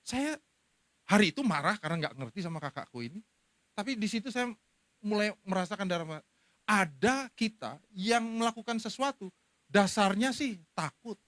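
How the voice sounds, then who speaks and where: A middle-aged man preaching as a pastor to a congregation, telling stories in an animated way. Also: sits high, normal speed, no echo. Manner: animated storytelling, acting out quoted speech. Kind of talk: sermon.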